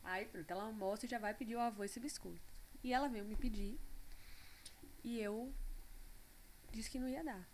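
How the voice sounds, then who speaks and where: A woman's voice: on the high side, moderate pace, long pauses, darkish tone, slight background noise. Brazilian Portuguese-speaking mother, reflective chat. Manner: reflective, many fillers. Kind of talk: casual conversation.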